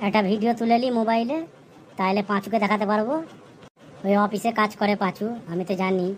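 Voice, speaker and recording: A gossipy male friend, voiced by a woman, draws out his news slowly in a comedy skit. The voice sits at an ordinary middle pitch. A faint hiss runs underneath. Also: fairly even intonation, natural voice.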